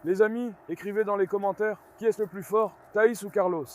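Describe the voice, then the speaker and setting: A man filming a casual vlog at his farm, coaxing and calming his dogs while chatting to viewers. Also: sits high, brisk. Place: farmyard outdoors.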